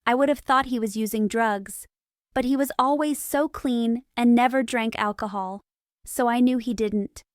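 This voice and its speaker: A woman reads a storybook for English learners in a clear, steady way. Her voice is smooth and a little high. It is recorded close up in a dry, dead room. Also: normal speed, no room sound. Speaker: audiobook narrator. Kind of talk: scripted narration for English learners.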